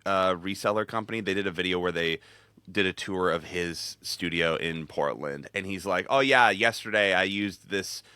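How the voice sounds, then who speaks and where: A man co-hosting a music podcast, describing songs eagerly and speeding up when he gets excited. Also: sits low, clear, resonant tone, dry recording. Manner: enthusiastic, descriptive, talks fast when excited. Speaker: podcast co-host. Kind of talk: casual chat about music.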